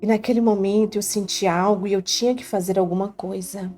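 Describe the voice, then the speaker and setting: A woman with a Brazilian Portuguese accent narrates her life story in a scripted first-person account, earnest, heartfelt, and confiding. Her medium-pitched voice is fairly quick and darkish, with fairly even intonation, and faint music plays behind her.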